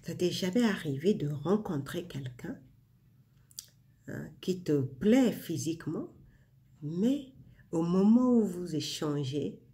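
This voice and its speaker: A woman in her forties, winding down before bed, talks casually and intimately to her viewers in a spiritual vlog, sharing inspiration and addressing the listener directly with many fillers. Her lowish, mellow voice is animated but slow, with long pauses.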